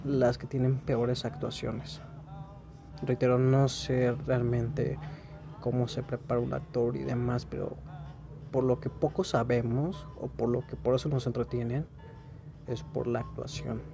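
A man's voice: medium pitch, level tone, a little slow, gravelly, over music. A man with a Mexican accent, talking casually and rambling in a laid-back, slangy way to his listeners. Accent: Mexican Spanish. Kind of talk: casual monologue.

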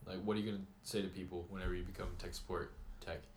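A man's voice: sits low, steady tone, racing, a little hiss or hum. A young man co-hosting a podcast, joking and crude in casual banter. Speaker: podcast co-host.

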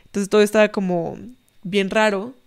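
A young adult woman with a Mexican accent, telling a story in a casual, animated way and acting out other people's voices. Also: medium pitch, moderate pace, clean tone. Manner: animated, tags lines with "¿no?", acts out quoted voices. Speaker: podcast guest storyteller.

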